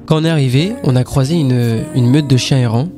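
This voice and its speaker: A man's voice: medium pitch, fairly quick. A man narrating his own travel vlog in a punchy, casual way full of slang. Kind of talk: voice-over narration. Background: music.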